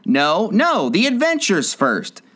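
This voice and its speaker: Solemn, impatient griffin, read by a man, slow and weighty. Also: on the high side, big pitch swings, fairly bright tone, voice pushed up, exaggerated voice.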